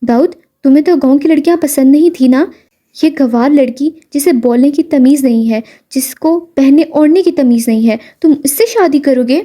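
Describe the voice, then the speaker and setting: A woman's voice: high voice, dark tone, close to an everyday voice. A woman voicing a heartbroken young woman, tearful and pleading.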